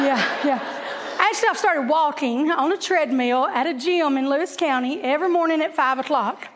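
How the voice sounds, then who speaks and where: A woman's voice: high voice, in a large hall. A woman and kindergarten teacher, telling chatty, self-deprecating stories to a church group, laughing often and stuttering at times. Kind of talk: humorous storytelling talk.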